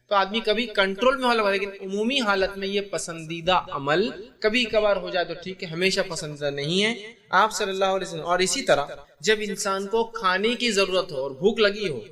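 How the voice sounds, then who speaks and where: A man's voice: high voice, bright, forceful tone. A man giving a religious lecture, explaining step by step and asking his listeners rhetorical questions. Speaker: Islamic teacher.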